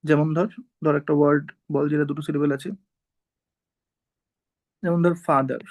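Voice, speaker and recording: Gravelly, slightly high male teacher. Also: steady tone, moderate pace, a little mellow, low-quality recording. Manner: explains step by step, often checks with "ঠিক আছে?". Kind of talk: informal classroom lecture.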